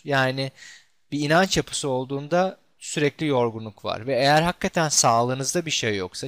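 Guy with a slightly high voice leading a relaxation session, talks straight to you, close dry sound. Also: fairly bright tone, no echo. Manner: conversational, instructive, addressing the listener directly. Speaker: guided meditation instructor. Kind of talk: explanatory self-help talk and guided relaxation. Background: background music.

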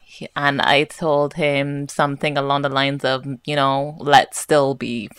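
With an extremely low, monotone voice that is still fairly bright and smooth, a podcast co-host unhurriedly spins a story during casual chat. Her delivery is dry, mock-formal and gloomily humorous, and there is no echo.

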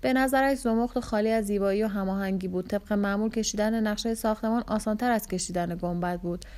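Female audiobook reader with a warm, mellow voice and steady pacing for literary fiction. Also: mid-range voice. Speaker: audiobook narrator. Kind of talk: reading a novel aloud.

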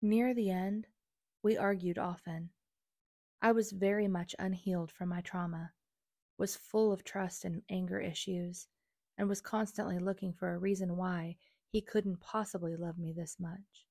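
Brief: young adult woman, low voice, earnest first-person memoir reading, dry close sound. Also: steady tone, unhurried, dark tone, no room sound. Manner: earnest, confessional. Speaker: memoir narrator.

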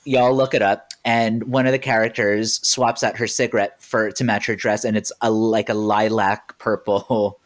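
A man's voice: fairly low pitch, flat delivery, normal speed, hardly any pauses. A man hosting a podcast in casual chat, rambling with lots of filler words and frequent laughs. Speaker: podcast host.

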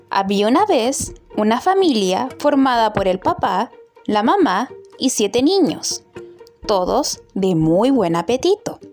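A woman storyteller reads a children's tale aloud, her voice fairly high and swinging widely in pitch. She greets her listeners and then narrates expressively. Soft music plays faintly behind her. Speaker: storyteller, podcast host.

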